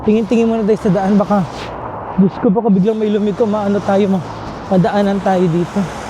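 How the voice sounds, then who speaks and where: A man's voice: sits high, steady tone, a little fast, dull audio, noisy background. A man chatting casually to his camera as a travel vlogger while walking outdoor streets at night, exclamatory and joking. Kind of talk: casual walking vlog chat.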